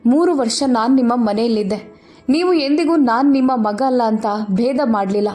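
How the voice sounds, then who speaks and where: A woman voicing a solemn male judge who speaks in a grave, measured way. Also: on the high side, dark tone, lightly acted. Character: grown man, a solemn judge.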